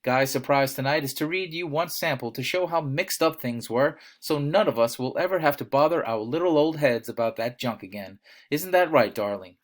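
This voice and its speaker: A man's voice: medium pitch, lively intonation, normal speed, hardly any pauses, pitched above the performer's own voice, lightly acted. A man reading aloud and voicing a nervous, chattering housewife in a coaxing, overly cheerful way. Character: chattering, anxious housewife, adult woman.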